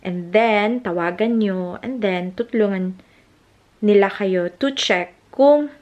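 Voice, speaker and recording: A woman's voice: medium pitch, takes it slowly, a little mellow. A woman from the Philippines, talking casually to camera in a family vlog and mixing Tagalog with English. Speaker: family vlogger.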